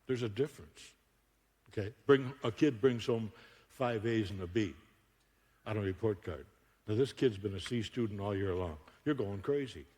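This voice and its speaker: An older man from Buffalo, New York, with a lowish voice and normal speed, is the guest speaker at a church auditorium. His sermon is humorous, told with jokes, animated stories and plenty of laughs.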